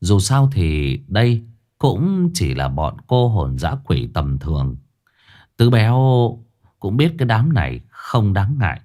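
A man narrating a ghost story in a lively, dramatic scripted reading. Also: sits low, unhurried.

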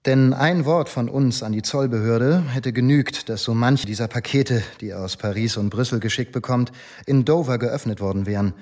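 In a German radio drama, an actor voices a male police inspector who is deferential yet self-assured, speaking formally and justifying himself in a measured way. His natural voice is medium in pitch and a little mellow.

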